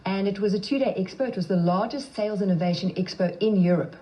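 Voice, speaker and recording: A woman's voice: mid-range voice, fast, warm tone. A South African woman answering interview questions as a guest, speaking in a self-assured, emphatic way. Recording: slightly dull, band-limited sound.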